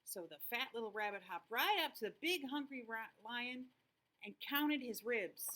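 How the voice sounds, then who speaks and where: An older woman reading a children's storybook aloud in the expressive manner of a sweet old lady. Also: on the high side, a little slow.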